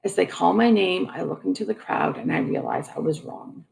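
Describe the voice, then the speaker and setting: A woman in her twenties reading a scripted personal story slowly and earnestly. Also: lowish voice, huge pitch swings, gravelly, darkish tone, a little hiss or hum, low-quality recording.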